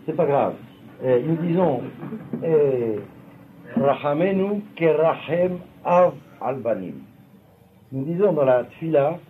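A man teaching a Talmud class, explaining at length and often checking that his students follow. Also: medium pitch. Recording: tinny lo-fi recording with faint noise.

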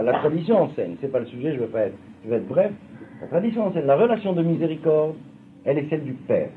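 A man teaching a Talmud class with a fairly high, very lively voice that rises and falls a lot. He explains step by step and keeps checking that the class follows. The sound is tinny and lo-fi, with faint noise.

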